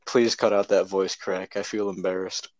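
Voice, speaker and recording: A man's voice: low voice, little pitch movement, normal speed, no echo, muffled recording. A teenage boy co-hosting a casual podcast, laid-back and chiming in with short remarks. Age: teens. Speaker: podcast co-host. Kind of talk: casual chat.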